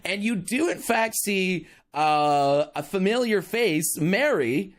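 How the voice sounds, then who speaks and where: A man's voice: sits high, animated, takes it slowly. A man running a tabletop game as game master, narrating casually with many fillers.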